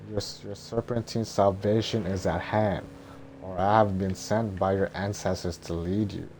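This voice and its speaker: A man voicing a boastful, bossy little dragon guardian from an animated film script, with blustering, stumbling delivery. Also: sits low, normal speed, low-quality recording. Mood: urgent, bossy. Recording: noticeable background noise.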